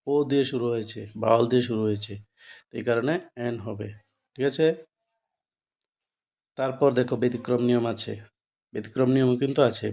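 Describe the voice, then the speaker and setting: A man's voice: mid-range voice, darkish tone. Bengali man teaching grammar, repeating. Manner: repetitive, checks understanding with frequent rhetorical questions. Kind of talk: classroom-style grammar lesson.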